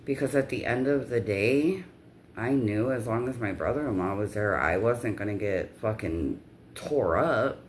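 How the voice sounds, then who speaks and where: A woman's voice: a bass voice, measured pace, a little hiss or hum. A woman telling a personal story in a casual vlog rant, with blunt, profanity-heavy delivery.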